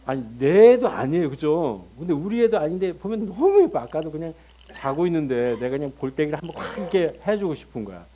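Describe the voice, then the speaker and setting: A middle-aged male pastor preaching a sermon, telling the story in an animated way and acting out dialogue with sudden loud outbursts. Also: on the high side, moderate pace.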